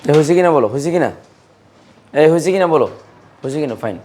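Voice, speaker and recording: A man's voice: fairly high pitch, animated, racing, darkish tone, slight background noise. A man teaching a chemistry class, repeating key terms and quizzing his students, sometimes teasing and scolding them. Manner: repetitive, drilling students with questions. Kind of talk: classroom lecture.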